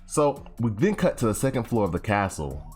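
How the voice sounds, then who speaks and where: Young guy, deep voice, bouncy delivery, slangy recap with lots of self-corrections. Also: sing-song, brisk, a little mellow, soft background music. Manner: rambling, slangy, self-correcting, acts out quotes. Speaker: anime chapter reviewer. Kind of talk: casual recap.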